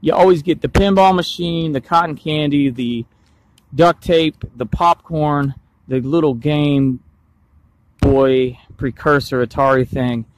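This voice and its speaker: A man hosting a casual toy unboxing vlog, jokey and animated, swinging between loud hype and quick mumbled asides. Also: fairly high pitch, slight background noise. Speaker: toy review host.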